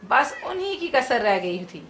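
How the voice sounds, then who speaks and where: A woman's voice: on the high side, very animated, measured pace, fairly bright tone, a little hiss or hum, exaggerated voice. Woman reading as a sick, grumbling husband. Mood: fretful. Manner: groaning, fretful read-aloud lines. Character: ailing irritable husband, middle-aged man, complaining.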